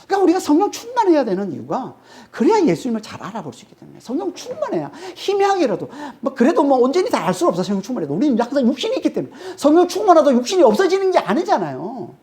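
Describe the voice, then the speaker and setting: Preaching an expository sermon, this woman speaks in a high, warm voice that races along with hardly any pauses and wildly swooping pitch. Her delivery is emphatic, full of repeated key phrases, and she often tosses in "eh?" to prompt her listeners.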